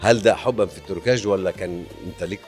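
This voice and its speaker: A man's voice: deep voice, rapid-fire, a little mellow, faint music behind. A man with an Egyptian Arabic accent hosting a podcast interview, chiming in often and finishing his guest's sentences. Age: 60s. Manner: engaged, frequent backchannel agreement, finishing the guest's sentences. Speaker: podcast host. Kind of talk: casual interview talk.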